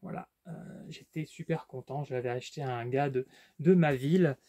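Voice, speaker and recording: A man's voice: medium pitch, brisk, mellow. A man casually showing his book collection in a vlog, talking with lots of fillers and restarts. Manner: hesitant, many fillers and restarts. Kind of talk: casual unboxing vlog chat.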